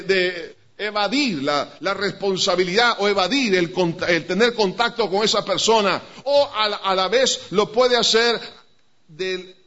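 A male preacher gives an emphatic sermon, turning straight to his congregation as he speaks. His voice sits a little high for a man. The recording is dull and lo-fi. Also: pushed and bright. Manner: emphatic, addresses congregation directly.

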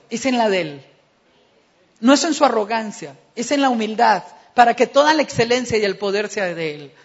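A male pastor preaching a sermon with a dramatic delivery, acting out dialogues and building to loud, emphatic passages. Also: high-pitched, slightly rough. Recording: dull recording in a reverberant hall.

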